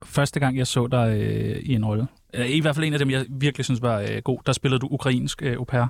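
A man hosting a casual interview, asking eager, quick follow-up questions. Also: mid-range voice, creaky, dry recording, soft background music. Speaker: podcast host.

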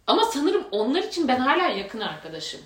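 A young woman chatting casually as a podcast host, telling anecdotes with lively acted-out quotes. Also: sits high, fairly quick, roomy sound. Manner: animated storyteller, acts out quoted dialogue. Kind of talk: casual chat.

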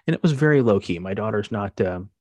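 Chatty low-voiced father rambling. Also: expressive, fast, a little mellow, no echo. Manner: rambling, conversational with many fillers. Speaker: podcast host. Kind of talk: casual monologue.

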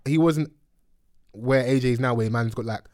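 A man's voice: mid-range voice, normal speed, a little mellow, dry recording, clean studio sound. A man with a London roadman accent and slangy speech, hosting a casual podcast chat. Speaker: podcast host. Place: studio.

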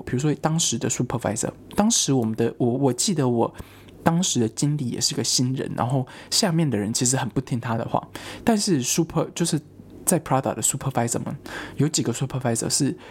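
Husky young storyteller. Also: medium pitch, fairly quick. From Taiwan. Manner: chatty, many fillers, lively acted-out quotes. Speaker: vlogger. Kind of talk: casual storytelling to camera.

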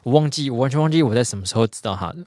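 A man co-hosts a podcast in a wry, chatty way and laughs easily. His pitch is animated and varied. The recording is close and dry. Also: racing, no echo. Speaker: podcast co-host. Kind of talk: casual podcast banter.

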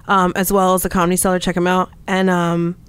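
A woman's voice: fairly low pitch, little pitch movement, fairly quick, a little hiss or hum. A woman comedian from New Jersey, telling stand-up stories in a casual chat and laughing through her lines. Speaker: comedian guest.

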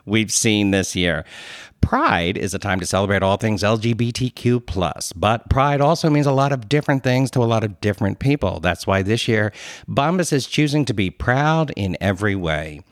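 A man with a Philadelphia accent and a lowish voice, talking in a chatty, digressive way as he co-hosts a podcast. The sound is dry and close, with no room behind it. He drifts off the script with enthusiasm and then comes back to it. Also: expressive, normal speed, no room sound. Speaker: podcast co-host. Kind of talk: casual chat and ad read.

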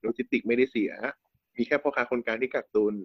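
A man co-hosting a casual group chat over a call, explaining things in a relaxed, matter-of-fact way. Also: medium pitch, fast talker, dry recording, dull audio. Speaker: podcast co-host.

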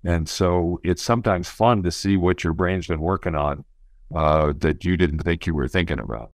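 A man's voice: sits low, moderate pace, dry recording, clean studio sound. A man speaking as an expert guest, explaining things in a thoughtful, conversational way. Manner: thoughtful, explanatory, often says you know.

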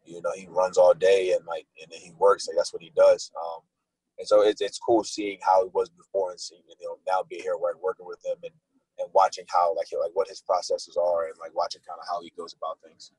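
A man's voice: deep voice, level tone, fairly quick, darkish tone, slightly rough, dry recording, low-quality recording. A young man, a football wide receiver, answering interview questions in a casual, laid-back way, full of likes and restarts.

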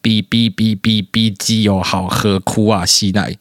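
A man doing a clumsy robot voice, slow and flat like a beeping machine. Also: on the low side, no echo, clean studio sound, lightly acted. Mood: mechanical. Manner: slowed-down monotone robot impression.

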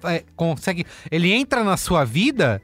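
High-voiced Brazilian man musing. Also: sing-song, normal speed, fairly bright tone, faint music behind. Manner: reflective, agreeable, interjects often. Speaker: podcast co-host. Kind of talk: casual chat.

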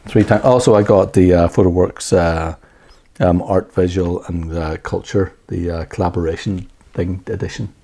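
A middle-aged man with a very low, gravelly voice and a dark, husky tone. He chats casually as a co-host, telling rambling, animated stories and swearing freely. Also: moderate pace. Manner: rambling, animated storyteller who swears and restarts often. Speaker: podcast co-host. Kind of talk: casual chat.

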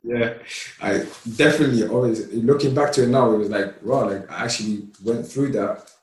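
A man from Somalia, a podcast guest, telling stories from his childhood in a relaxed, chatty way with lots of laughter and fillers. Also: mid-range voice, normal speed. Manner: relaxed, laughs often, many "you know" fillers. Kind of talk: casual storytelling. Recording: roomy, distant mic.

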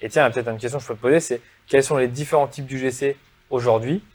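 Fast-talking man hosting a chat. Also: mid-range voice, steady tone, a little mellow. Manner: asks questions, quick agreeing interjections. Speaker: podcast host. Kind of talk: casual conversational interview.

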